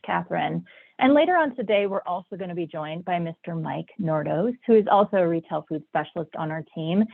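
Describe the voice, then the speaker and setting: A woman's voice: lowish voice, dry recording. Woman presenter, head cold, nasal and stuffy, chatty and eager, narrow tinny call audio. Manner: enthusiastic, chatty. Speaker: workshop presenter. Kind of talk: online workshop presentation. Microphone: video call. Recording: dry, phone-like video call audio.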